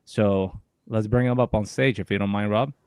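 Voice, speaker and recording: A man hosting a casual community show, talking in a relaxed way with lots of fillers. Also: fairly low pitch, moderate pace, smooth, no room sound. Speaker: host. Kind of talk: casual chat.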